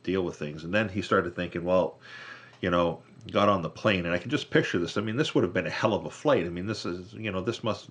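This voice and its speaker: Very deep-voiced rambling man. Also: a bit bright. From Canada. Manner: rambling, self-correcting, casual swearing. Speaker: musician. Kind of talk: casual vlog monologue.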